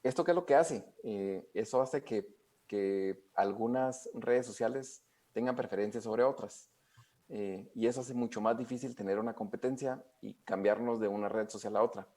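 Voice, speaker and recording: A man with a low voice answers as an expert guest. He explains step by step, pausing often and filling gaps with hesitations. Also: warm tone. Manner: hesitant, many fillers, explanatory. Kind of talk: interview answers.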